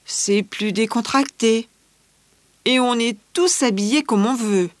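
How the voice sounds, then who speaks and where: A friendly teenage schoolgirl, played by a woman talks slowly and clearly in a scripted language-exam interview. Her voice sits fairly high for a woman. The recording is dry and close, with no room sound. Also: dry recording. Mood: calm chatty. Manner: measured, clearly articulated scripted delivery. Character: cheerful teenage Australian schoolgirl, fashion-loving.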